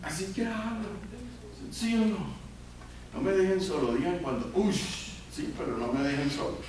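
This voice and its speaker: High-voiced preacher in a booming echoey church. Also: male voice, a little slow. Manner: call-and-response questions to the congregation; swings between loud emphatic peaks and quiet low asides. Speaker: pastor. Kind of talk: sermon. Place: church sanctuary. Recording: very echoey church hall, voice from far off, faint hiss.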